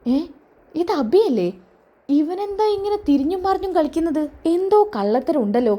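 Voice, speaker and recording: A woman voicing a scheming, sharp-tongued middle-aged mother who mutters snide asides, in a retold serial story. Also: very high voice, sing-song, moderate pace, pitched above the performer's own voice. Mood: suspicious.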